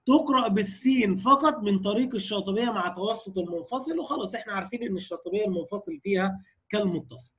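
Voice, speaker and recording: High-voiced Egyptian man teaching recitation. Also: very fast, a bit bright, breathy edge. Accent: Egyptian Arabic. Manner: explanatory, checks in with students. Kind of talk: lecture on recitation variants.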